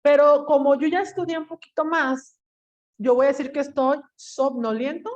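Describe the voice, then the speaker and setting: A woman teacher giving a classroom lecture in a lively way, acting out quoted voices and asking the class questions. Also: high voice, moderate pace. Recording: dull lo-fi recording.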